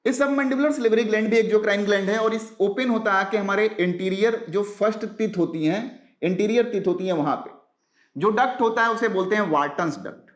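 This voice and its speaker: A man teaching an exam-prep biology lesson, asking rhetorical questions and answering them himself, repeating key terms slowly and mixing English science words into his talk. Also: sits high, reverberant.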